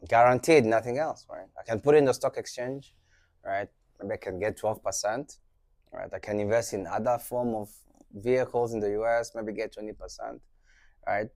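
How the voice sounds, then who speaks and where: Speaking at a moderate pace in a lowish voice, this young Burundian man whose first language is French talks through venture capital in conversation. He animatedly performs bits of dialogue and keeps asking "right?" to check in.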